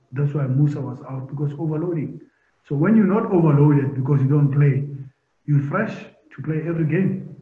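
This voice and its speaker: A middle-aged man, a football coach answering post-match press questions in an emphatic way, repeating words and asking rhetorical questions, over a video call. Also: mid-range voice. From South Africa. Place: press room in front of sponsor board. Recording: echoey, tinny video-call audio.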